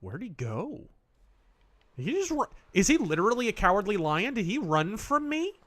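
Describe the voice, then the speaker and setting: An American man hosting a game livestream with casual, emphatic, joking and excitable commentary. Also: high-pitched, moderate pace.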